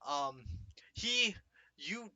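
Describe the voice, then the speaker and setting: A man's voice: sits high, lively intonation, drawn-out words, sharp tone, no room sound. A young man narrating a tabletop game as game master, hesitant, with many fillers and restarts.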